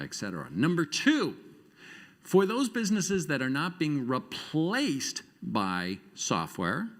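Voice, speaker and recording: A middle-aged man speaks from a conference stage with an animated, self-deprecating storytelling manner. His pitch swings widely as he drives his points home. He drops in wry asides along the way. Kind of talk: conference keynote talk. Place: conference stage before an audience.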